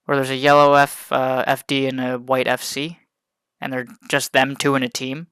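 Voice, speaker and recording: A man's voice: mid-range voice, little pitch movement, normal speed, clean tone, no room sound. A man giving unscripted commentary on a racing game he is playing, rambling and correcting himself with apologetic asides. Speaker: gaming channel host. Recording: voice over loud game music. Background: racing game music and engine sounds.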